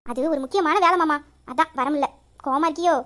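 A woman's voice: high-pitched, a bit bright. A woman acting a playful young woman in love, coaxing and teasing in a romantic audio drama. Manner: coaxing, teasing, quick banter.

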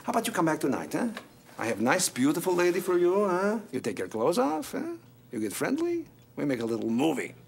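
A man's voice: fairly high pitch, wildly swooping pitch, a little fast, gravelly, husky, full character voice. An actor playing a gleeful, pushy would-be film producer, tacking "eh" and "huh" onto his phrases in sitcom style. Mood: sly, coaxing. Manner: hustling, ends phrases with "eh" and "huh". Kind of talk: sitcom acting.

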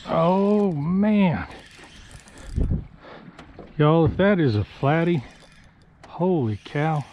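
A man, talking casually to viewers while fishing from a small boat on a marsh, folksy and excited. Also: a little high, extremely slow. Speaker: fishing vlogger. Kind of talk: casual play-by-play fishing vlog. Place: small boat on open marsh water, outdoors. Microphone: chest-mounted action camera. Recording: slightly dull action-camera audio with faint water noise.

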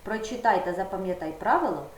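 A woman's voice: mid-range voice, animated, quick pace. A woman teaching a primary school video lesson, patiently guiding the pupil step by step. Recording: roomy echo with faint background noise.

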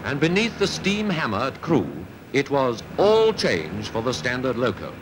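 A man, narrating a 1950s newsreel in a crisp, declamatory announcing manner. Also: mid-range voice, huge pitch swings, unhurried, background noise.

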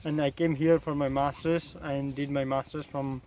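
Earnest graduate student, flat voice, from Nepal. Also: male voice, mid-range voice, normal speed, a little hiss or hum, low-quality recording. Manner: eager, earnest. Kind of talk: self-introduction in an interview. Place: outdoors on a farm pasture.

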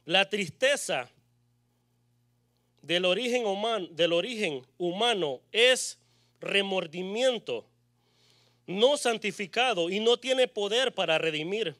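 A male pastor preaching with emphatic force, throwing out rhetorical questions to the congregation. His voice sits very high for a man and rings bright and sharp. The sound is close and dry, with no room echo. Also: lively intonation, slow pace, long pauses. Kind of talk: sermon.

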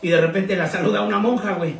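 A man's voice: high voice, steady tone, fast talker, vocal fry. A man with a Mexican accent hosting a comedy livestream, telling crude jokes in a slangy, laughing way. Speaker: comedy host. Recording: echoey room, far from mic.

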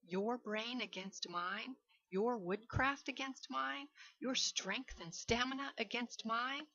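A woman's voice: fairly high pitch, slow pace, sharp tone, muffled recording, pitched above the performer's own voice, heavily acted. Woman doing a suave menacing old general. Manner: silky, mocking courtesy. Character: suave menacing aristocratic older male hunter general.

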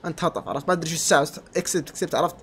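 Guy narrating his gameplay super fast, yells at enemies then mutters, slightly high voice. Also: fairly even intonation, husky. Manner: shouts insults at enemies, then drops to low muttering. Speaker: gamer. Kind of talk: let's-play commentary.

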